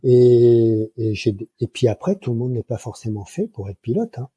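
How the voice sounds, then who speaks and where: Husky-voiced man in his sixties, dark tone. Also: medium pitch, moderate pace, no echo, muffled recording. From France. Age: 60s. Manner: colloquial, lively anecdotes with many fillers. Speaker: guest, microlight flight instructor. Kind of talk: casual interview storytelling.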